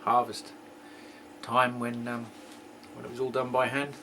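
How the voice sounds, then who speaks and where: Casting: man, homebrew vlogger, rambling and jokey, mid-pitched voice, faint hiss behind. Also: monotone, a little slow, pushed and bright. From England. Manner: rambling, joking, throat-clearing. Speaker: homebrew video host. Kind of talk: casual homebrew tasting chat.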